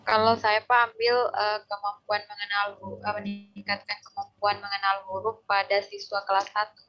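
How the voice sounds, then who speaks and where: A woman's voice: medium pitch, completely flat delivery, moderate pace, dull audio, soft background music. A woman teacher reporting hesitantly in an online meeting, her call audio breaking up. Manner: hesitant, many "eh" fillers. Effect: choppy call audio that keeps breaking up. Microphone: video call.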